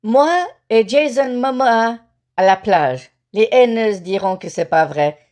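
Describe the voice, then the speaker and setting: A man's voice: high-pitched, takes it slowly, pitched above the performer's own voice. A man putting on a woman's voice that sounds almost like a robot, reading a caption for comic effect. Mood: smug. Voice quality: flat robotic delivery.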